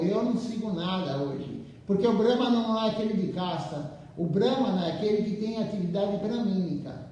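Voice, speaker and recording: A man giving a slow, halting devotional talk in a temple, often repeating words as he reads and comments. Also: high voice, dark tone. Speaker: temple speaker. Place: temple hall. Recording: very echoey room, far from mic.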